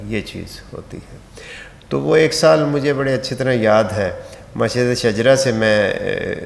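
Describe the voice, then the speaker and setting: A man's voice: mid-range voice, gravelly. A man from Pakistan with a Pakistani accent, giving a religious training lecture on pilgrimage rites, instructive and mixed with light humorous stories. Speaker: Hajj trainer. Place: large mosque hall. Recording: echoey reverberant mosque hall.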